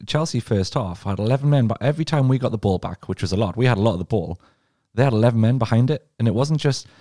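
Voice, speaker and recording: Panelist: man, quick and emphatic, a low mellow voice, recorded dry and close. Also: expressive, no room sound. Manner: emphatic, swears casually. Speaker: podcast panelist. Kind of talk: casual football podcast chat.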